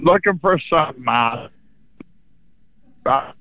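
A man's voice: fairly high pitch, animated, dry recording. Man on a glitching phone line. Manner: halting, hesitant speech. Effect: glitching, cutting-out phone audio. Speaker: radio call-in caller. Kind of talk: casual call to a radio buy-and-sell show. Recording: tinny phone line breaking up.

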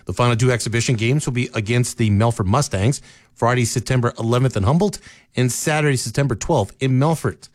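Dry steady male news anchor. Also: mid-range voice, no echo. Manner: steady measured news delivery. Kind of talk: scripted local newscast. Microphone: close studio mic, dry.

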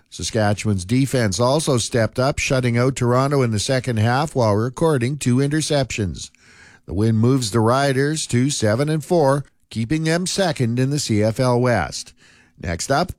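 A man reading scripted local news and sports in a steady, measured delivery. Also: medium pitch, dry recording, clean studio sound. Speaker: news anchor.

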